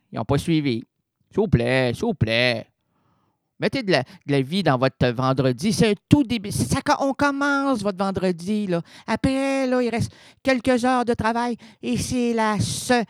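A man spins an absurd radio monologue, wandering off track with puns and stuttered restarts. His voice sits a little high. The studio sound is close and dry. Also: no room sound. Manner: rambling, playful, wordplay and stammered restarts. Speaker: radio host. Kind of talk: absurd comic storytelling on radio.

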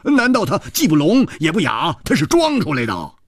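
A man voicing a brash, impatient male swordsman who stammers in high, excited bursts. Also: normal speed, vocal fry, no room sound, clean studio sound, exaggerated voice.

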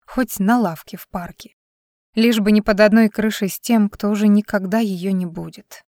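Female audiobook narrator, steady even read, dry booth sound. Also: mid-range voice, moderate pace, dry recording. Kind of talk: scripted narration.

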